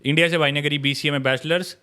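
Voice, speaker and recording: A man's voice: on the high side, fairly even intonation, fast, bright, forceful tone, smooth. A man hosting a casual interview podcast, asking questions and recapping answers for listeners. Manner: frequent short acknowledgements, recaps for the audience. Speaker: podcast host.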